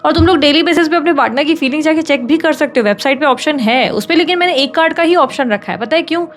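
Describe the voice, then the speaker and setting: Chatty fast-talking woman tarot reader. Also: sits high, soft background music. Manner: chatty, fast, teasing, scolds viewers like a big sister. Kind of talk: casual direct-to-camera tarot reading.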